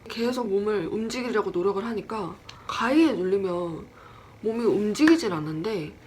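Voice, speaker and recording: A woman's voice: mid-range voice, moderate pace, a little hiss or hum. A woman casually telling a personal horror story, chatty and self-deprecating, acting out the voices in what she retells. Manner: lively, acts out quoted lines.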